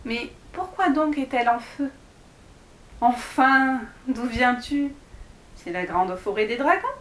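A woman's voice: a little high, slow pace, slight background noise. A woman voicing a friendly forest salamander who kindly explains and guides, recorded in an echoey room.

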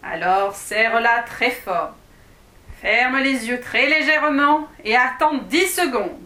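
A woman's voice: fairly high pitch, slow pace, bright, forceful tone. A woman voicing a grumpy, easily startled male dwarf who grumbles impatiently, recorded in an echoey room. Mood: grumbling.

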